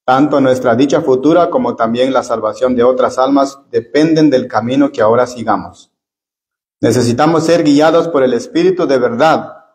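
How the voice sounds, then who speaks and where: A man's voice: mid-range voice, a little mellow. A man leading a church Bible study sermon, earnestly addressing his listeners as brothers and often repeating words as he searches for phrasing.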